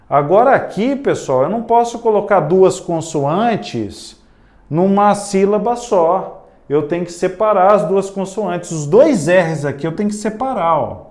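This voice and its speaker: Brazilian guy teaching grammar for an exam, high voice, drawls words out syllable by syllable. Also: animated, a little mellow. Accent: Brazilian Portuguese. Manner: addresses the class often, spells out words slowly syllable by syllable. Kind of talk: exam-prep grammar lesson.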